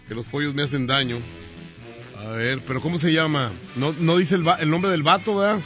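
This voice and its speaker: Radio prank-show host, Mexican man, slightly high voice, laughs a lot. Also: pushed and bright. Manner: joking, laughs often. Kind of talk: prank-call radio comedy.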